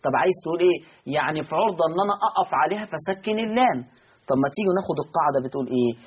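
An Egyptian man teaching Quran recitation rules, patiently repeating each rule, asking and answering his own questions and slowly chanting example words. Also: a little high, expressive, slightly rough, lo-fi sound. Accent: Egyptian Arabic. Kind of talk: recorded lesson.

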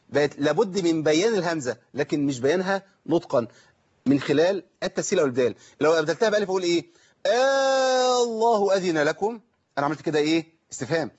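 A man with an Egyptian Arabic accent teaches Quran recitation at a quick pace, with a voice pitched a little above the usual. He keeps asking rhetorical questions and then slows down to recite words as examples. The sound is dull and lo-fi. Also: breathy edge. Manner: explains by asking himself questions, then demonstrates slow, drawn-out recitation. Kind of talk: tajweed lesson answering viewer questions.

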